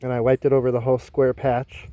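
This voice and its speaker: A man with a mellow, warm voice talks through a boat repair outdoors on a houseboat. He keeps it easygoing, explaining each step as he works with his hands, in a casual vlog style. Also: medium pitch, completely flat delivery, quick pace, no echo. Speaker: vlogger.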